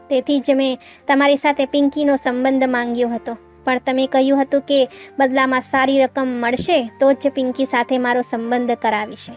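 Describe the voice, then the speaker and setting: Young policeman in disguise, calm and explanatory, high flat delivery, read by a woman, faint music behind. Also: dull audio, close to an everyday voice.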